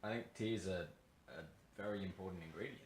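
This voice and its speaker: A young Australian man in an acted scene, gentle and reassuring with dry humour. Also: deep voice, brisk. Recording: echoey room with faint hum.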